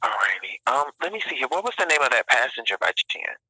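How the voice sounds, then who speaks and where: Polite male phone agent, very bright. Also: medium pitch, very animated, fast, breathy edge. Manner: scripted politeness, filler-heavy. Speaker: support line agent. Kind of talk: customer service phone call. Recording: tinny phone line.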